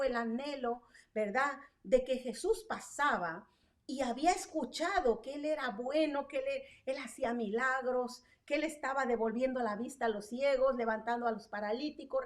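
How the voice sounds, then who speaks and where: A woman's voice: high voice, recorded from a distance. A woman preaching an online sermon with fervent energy, asking rhetorical questions and tagging her points with "¿verdad?". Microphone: online stream.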